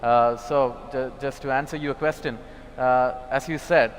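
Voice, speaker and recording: A panelist from Kerala, India, speaks in a large expo hall, hesitant and leaning on many fillers. His medium-pitched voice is steady and unhurried. Hall reverb, faint ambience and slight background noise fill the recording.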